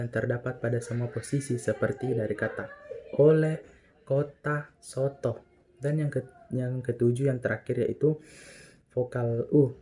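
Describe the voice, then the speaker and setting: A young man giving a class presentation, slowing down carefully to pronounce example words. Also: mid-range voice, mellow. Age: young adult. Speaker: student presenter.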